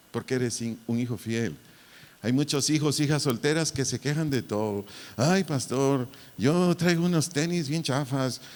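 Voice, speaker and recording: Pastor mexicano, predicando con fervor. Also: male voice, medium pitch, long reverb tail. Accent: Mexican Spanish. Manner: impassioned preaching with rhetorical questions. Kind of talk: sermon. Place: church hall.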